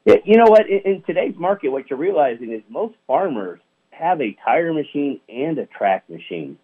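A male product manager guest phones in for an interview, speaking at a moderate pace in a higher voice with big pitch swings. He sounds upbeat, leans on "you know" fillers, and the phone line is tinny.

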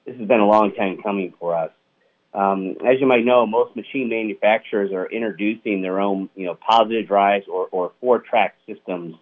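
A man's voice: fairly low pitch, moderate pace. A man talking on the phone as an interview guest, upbeat and leaning on "you know" fillers. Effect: over the phone. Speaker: product manager guest. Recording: tinny phone line.

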